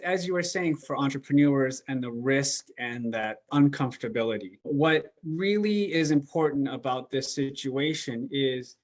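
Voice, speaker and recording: A man, a coach and podcast guest, telling a story in an animated, emphatic way and acting out what people said. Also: mid-range voice, measured pace, few pauses. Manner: animated, emphatic storyteller who acts out quotes. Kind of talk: conversational storytelling. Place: podcast interview.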